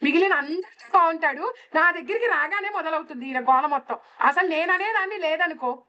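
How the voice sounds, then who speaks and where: A woman's voice: extremely high pitch, fairly quick, sharp tone, lo-fi sound, voice pushed up. A woman voicing a weary older grandmother who grumbles plaintively about being the problem at home. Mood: grumbling. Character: weary older grandmother, self-pitying complainer.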